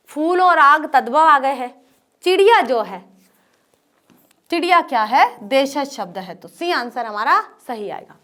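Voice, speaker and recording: A woman's voice: high voice, sharp tone. A woman teaching an exam-prep grammar lesson to students, asking questions and answering them herself and repeating the key terms.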